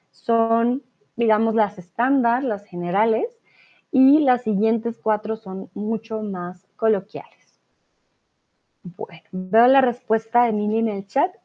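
A woman with a Colombian accent teaching a live online Spanish lesson, patiently explaining and often checking in with her students. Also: on the high side. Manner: patient, explains slowly with frequent "¿vale?" check-ins. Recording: tinny phone-like audio.

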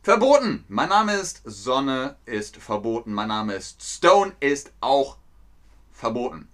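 A man giving a playful live-stream lesson to his chat, speaking slowly and clearly. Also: mid-range voice, big pitch swings, a bit bright. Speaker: German teacher streaming to chat.

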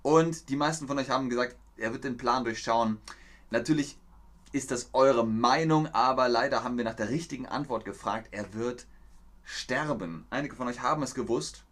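A man's voice: medium pitch, normal speed, fairly bright tone. A man teaching German on a live stream, reading a fairy tale aloud, explaining words and greeting viewers from the chat. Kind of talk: slow storytelling lesson with chat replies.

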